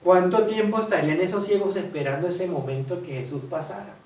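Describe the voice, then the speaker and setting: A man's voice: high-pitched, fairly quick, a little mellow. A man preaching a sermon, asking questions and answering them himself. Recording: roomy hall, voice from far off, faint ambience.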